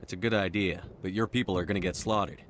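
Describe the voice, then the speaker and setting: Fast-talking game commander, lowish voice, straight to the point. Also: male voice, fairly even intonation, a bit bright, a little hiss or hum. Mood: decisive. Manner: direct, practical questioning. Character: human male military commander, decisive. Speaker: player character commander. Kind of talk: video game dialogue.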